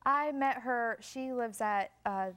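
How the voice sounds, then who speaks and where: A woman's voice: on the high side, takes it slowly, a bit bright. A woman guest on a talk show, accusing and defensive in a heated confrontation.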